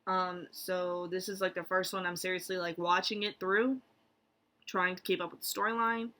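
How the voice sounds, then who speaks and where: A woman's voice: on the low side, normal speed. Rambling, incredulous woman vlogger. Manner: rambling and animated, with many fillers and incredulous asides. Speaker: therapist. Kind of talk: casual vlog commentary.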